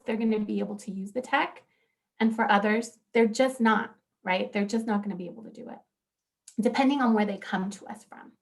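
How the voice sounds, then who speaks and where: A woman in her thirties presenting as a law professor on a conference panel, earnest and animated, with frequent fillers. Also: a little high, creaky.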